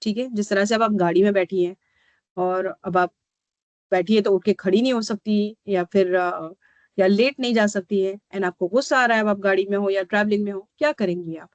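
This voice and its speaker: A woman's voice: medium pitch, moderate pace, no echo, highs cut off. A woman counsellor, leading an online workshop and explaining things step by step. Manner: explains step by step, often asking "ठीक है?". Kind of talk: teaching workshop, mixing Hindi and English.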